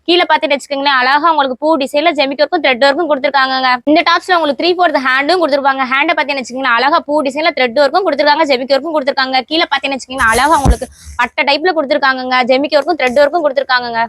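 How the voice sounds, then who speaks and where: A woman with a Tamil Nadu accent runs through her clothing stock in a rapid, repetitive sales patter. Her voice sits high and races along at a very fast clip. The sound is close and dry, with no room around it. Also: fairly even intonation, a bit bright, dry recording. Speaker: online clothing seller. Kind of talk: product showcase sales talk.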